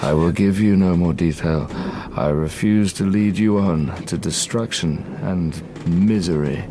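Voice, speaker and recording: An actor playing Victor Frankenstein, an obsessed, haunted young scientist, speaking with formal, literary intensity in an audio drama. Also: male voice, low voice, unhurried, noisy background. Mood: grave, intense. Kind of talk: audio drama acting, first-person narration and dialogue.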